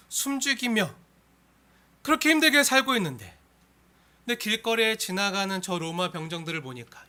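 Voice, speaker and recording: A male pastor with a very high, sharp, ringing voice delivers a sermon. He rises into loud, impassioned appeals, then drops to hushed, near-whispered asides. He keeps putting rhetorical questions to the congregation.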